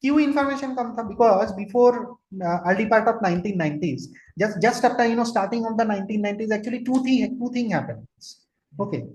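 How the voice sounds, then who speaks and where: A man's voice: sits high, animated, fast talker, darkish tone. Indian man lecturing with roomy echo. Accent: Indian English. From Kolkata, India. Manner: asks listeners questions, drops into Hindi. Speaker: trainer, lecturer. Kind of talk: online lecture.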